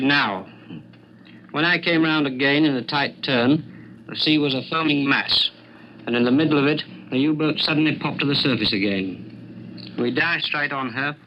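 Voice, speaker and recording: A man's voice: mid-range voice, a little hiss or hum. Grave British airman, muffled 1940s radio. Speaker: air force pilot recounting combat. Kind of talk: 1940s wartime radio account, partly scripted.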